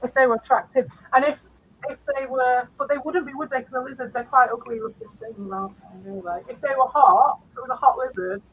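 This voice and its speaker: Woman co-host, husky tone, a bit high, loose rambling banter with swearing. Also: fast, fairly bright tone, muffled recording. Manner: chatty, swearing, rambling tag questions. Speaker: stream co-host. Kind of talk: casual chat while watching videos.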